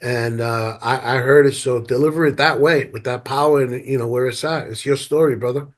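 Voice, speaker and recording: A man hosting a podcast, excited about his guest and full of casual slang. He stumbles and repeats words as he gets going, and his voice sits at an ordinary middle pitch. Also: fairly quick. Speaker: podcast host. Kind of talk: casual interview chat.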